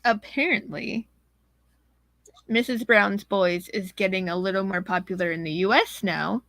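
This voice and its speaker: A woman's voice: mid-range voice, measured pace, a bit bright, no echo. A woman co-hosting a casual watch party chat, enthusiastic and outspoken. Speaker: co-host, friend of the host.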